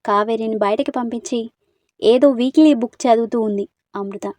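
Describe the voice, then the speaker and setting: A woman tells a storybook tale in a soft, unhurried reading. Her voice sits fairly high and sounds dry and close, with no room echo. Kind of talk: storybook narration.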